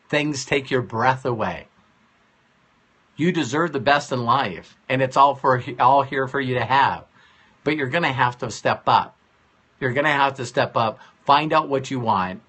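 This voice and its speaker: A man's voice: mid-range voice, bright, forceful tone. Earnest man giving a pep talk. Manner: earnest, pleading, repeats key phrases. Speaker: motivational broadcaster. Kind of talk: motivational live-stream talk. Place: home live stream. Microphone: phone.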